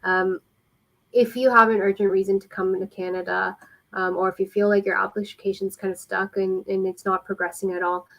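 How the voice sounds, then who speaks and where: A woman working as an immigration consultant, explaining things helpfully and informally in a live question-and-answer style, with frequent pauses. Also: medium pitch, little pitch movement, gravelly, a bit bright, rough recording.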